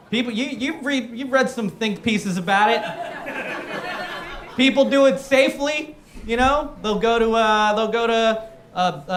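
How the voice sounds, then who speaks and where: A man's voice: high-pitched, echoey room, a little hiss or hum. A man performing a stand-up comedy set, telling stories animatedly and acting out other people's voices. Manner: animated storytelling with acted-out voices. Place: comedy showcase room with live audience.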